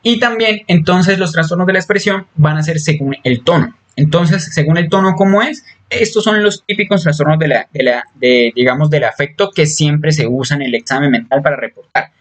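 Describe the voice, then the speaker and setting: This psychology lecturer has a fairly high-pitched voice and speaks at normal speed with few pauses. In his recorded class he explains things step by step, using fillers and restarts and checking in often with "¿sí?"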